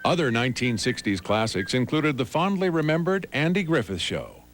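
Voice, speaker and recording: A man narrating a television history documentary in a measured, scripted way. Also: mid-range voice, big pitch swings, slight background noise. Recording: music bed underneath.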